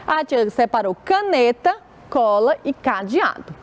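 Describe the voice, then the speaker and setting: A woman teaches a children's reading lesson on television, stretching each syllable slowly. Her voice sits a little high and swoops up and down in a lively sing-song. She talks patiently and unhurriedly. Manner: slow, drawn-out syllables, calls herself "tia".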